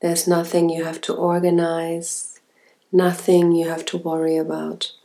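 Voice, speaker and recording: A woman speaking as an intimate ASMR relaxation guide, soft, soothing and sensual. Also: fairly low pitch, completely flat delivery. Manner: slow, soft, sensual, soothing delivery with breathy whispered words.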